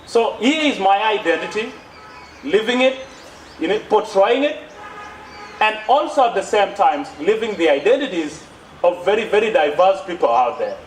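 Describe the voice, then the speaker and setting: His voice is high-pitched with big swings in pitch, and he moves at a moderate pace. This East African-accented young adult, South Sudanese by birth and Kenyan by upbringing, makes an emphatic plenary speech of passionate advocacy, full of repetition and rhetorical questions. He stands at a podium beneath trees outdoors, and the distant gooseneck microphone yields echoey audio with noise behind it.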